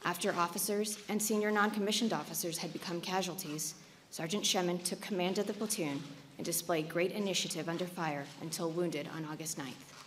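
A woman's voice: lowish voice, fairly even intonation, brisk. An American woman reading a formal scripted citation as a military officer, precise and official, at a lectern microphone in a large hall. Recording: background noise of a live hall.

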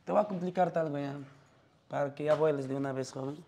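Peruvian male math teacher, slightly high, gravelly voice, questions the class nonstop. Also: fast talker, dark tone, slight background noise. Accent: Peruvian Spanish. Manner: quizzes students constantly, calling them "joven".

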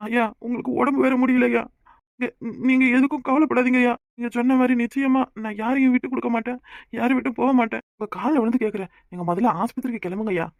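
A man voicing a young husband in a cartoon who has lost his memory, speaking gently and with confusion. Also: very high voice, fairly even intonation, fast talker, gravelly, dry recording, dull audio. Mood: confused gentle. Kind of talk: cartoon voice acting.

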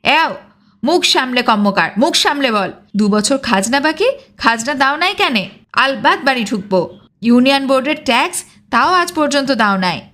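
A woman voicing a gruff village rent collector's man who blusters and pleads by turns in a storybook reading. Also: high-pitched, expressive, normal speed, sharp tone. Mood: blustering.

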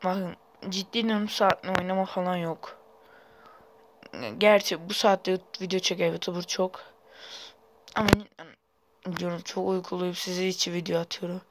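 A man's voice: high voice, flat delivery, moderate pace, pauses often, noisy background. A young man giving casual, rambling gameplay commentary while sleepy, with sudden startled outbursts. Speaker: gaming YouTuber.

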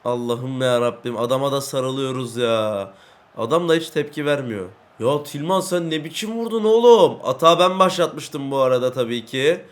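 A young man giving excitable Let's Play commentary, yelling and cursing at his teammates. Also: mid-range voice, normal speed. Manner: excitable, yells and curses at teammates. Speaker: gaming YouTuber.

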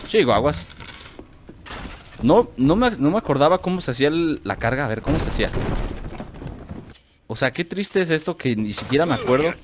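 The recording is very noisy, and this gaming host's voice runs a little high. Speaking with a Mexican accent, he jokes and chats with himself and his viewers during his let's play.

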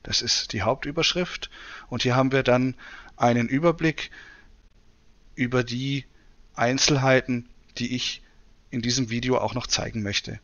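A man presenting a software demonstration in tutorial narration. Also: medium pitch, steady tone, a little slow, pauses often, lo-fi sound. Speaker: presenter demonstrating screen reader.

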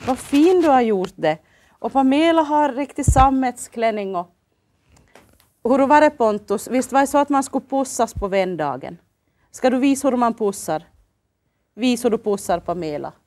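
A woman's voice: a little high, lively intonation, darkish tone. A woman with a Finland Swedish accent hosting a children's TV show, coaxing the kids with cheerful, sing-song questions. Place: local TV studio.

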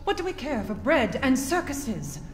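A woman's voice: high voice, sing-song, normal speed, faint music behind. An actress playing a towering, haughty aristocratic lady villain, refined and disdainful, in a video game. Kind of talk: video game cutscene acting.

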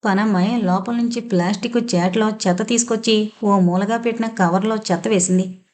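A woman narrating a novel as an audiobook, with steady, expressive storytelling. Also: mid-range voice, moderate pace.

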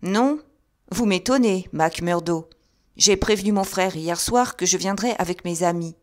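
A fretful, fussy gentleman, voiced by a woman reading an audiobook. He talks in a raised, higher register, insistent and uneasy. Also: unhurried, lightly acted. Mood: indignant. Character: nervous fussy gentleman of means.

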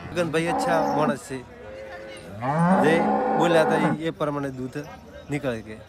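A man from Gujarat, a Gujarati speaker, giving short halting answers in broken Hindi as a cattle customer. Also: fairly high pitch. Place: outdoor cattle market. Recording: loud crowd and market noise.

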